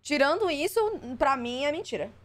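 Brief: high-voiced woman streamer, skeptical and exasperated live reaction, salty language. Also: expressive, moderate pace, fairly bright tone. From Brazil. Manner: skeptical, exasperated, swears freely.

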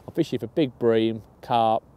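Sitting out by a lake, a young man who fishes matches gives a relaxed tutorial on his bait, cheerful and talkative with the odd restarted phrase. He speaks at a measured pace in a mellow, clean, mid-range voice.

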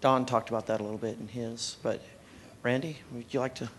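A man moderating a conference panel, briskly passing questions to the speakers. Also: medium pitch, fairly even intonation.

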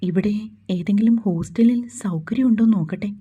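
A woman voicing a gentle, hesitant young woman doctor in a storybook, speaking softly and pleadingly. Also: medium pitch, a little fast, husky, lo-fi sound, lightly acted. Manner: soft, pleading.

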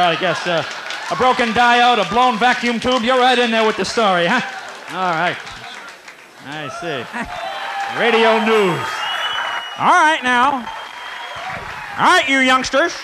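Lively, bright-voiced man doing stand-up crowd work. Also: high voice. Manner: quick, teasing, animated riffing with the audience. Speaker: stand-up comedian. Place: comedy club stage. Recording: live club recording with faint room noise.

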